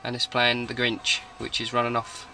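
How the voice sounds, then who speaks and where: On poor audio with a little hiss or hum, a man speaks in a sharp, monotone, medium-pitched voice at a moderate pace. He's an installer giving an offhand, matter-of-fact car audio demo in and around a parked car.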